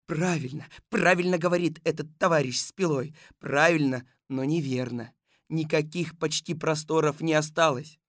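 A man's voice: fairly high pitch, moderate pace, a bit bright, dry recording, studio quality. A man voicing an earnest male detective chief who makes rousing speeches. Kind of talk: audiobook reading.

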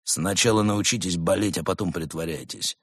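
A man voicing a stern, grim monk who speaks low and quietly menacing. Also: moderate pace, slightly rough, no room sound, clean studio sound, exaggerated voice.

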